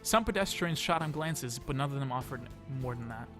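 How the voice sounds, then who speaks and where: Over game music, a let's play host reads a visual novel with drama and throws in casual asides. His mid-range voice is expressive and a bit bright, moving a little fast.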